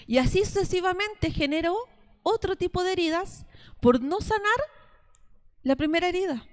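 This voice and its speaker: Woman, Chilean accent, 30s, high voice, testimonial sermon, storytelling. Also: expressive, moderate pace. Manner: storytelling, speaks directly to listeners as sisters. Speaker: preacher addressing a women's church group.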